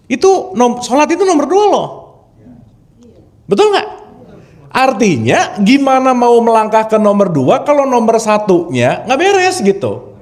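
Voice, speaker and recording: A man leads an informal spiritual lecture a high, bouncing voice. He keeps it chatty, quizzes his listeners and laughs easily, a light touch. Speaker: spiritual teacher. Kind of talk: informal religious lecture to an audience.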